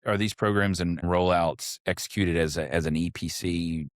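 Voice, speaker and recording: A man's voice: deep voice, fairly even intonation, moderate pace, dry recording, clean studio sound. A man with a Texas accent hosting a podcast live from a convention showroom floor, friendly and conversational. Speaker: podcast host.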